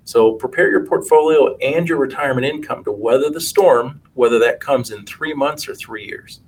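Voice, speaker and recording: Male financial adviser, late 40s, conversational podcast guest, mid pitch, a little off-mic. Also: normal speed, a little mellow, husky, recorded from a distance, poor audio. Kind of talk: conversational interview answers.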